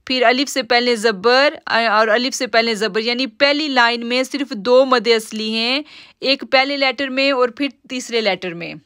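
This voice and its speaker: A woman teaching Quran recitation rules in a live-streamed lesson, explaining patiently step by step and drawing out each word slowly as she recites it. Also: a little high, a bit bright, clear, resonant tone, dry recording, clean studio sound.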